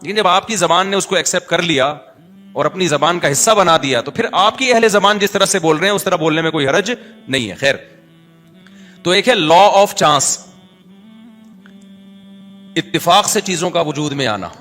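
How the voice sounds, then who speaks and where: A man with a Karachi Urdu accent giving a religious lecture, moving between chanted recitation and chatty, animated asides. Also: a little high, pauses often, soft background music. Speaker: preacher.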